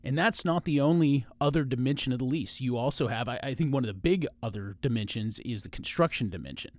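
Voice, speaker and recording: A man who works as a lawyer, hosting a podcast and explaining a topic in a measured way with frequent restarts. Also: medium pitch, animated, darkish tone, no echo. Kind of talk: informational podcast monologue.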